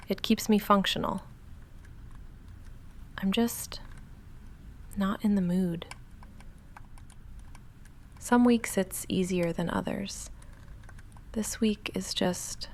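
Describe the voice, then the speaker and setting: Weary and subdued, a woman speaks at a medium pitch as a goth vampire roommate in intimate ASMR roleplay, with slight background noise present. Her manner is soft and halting, dry and guarded, yet quietly affectionate, frequently sinking toward a near-whisper.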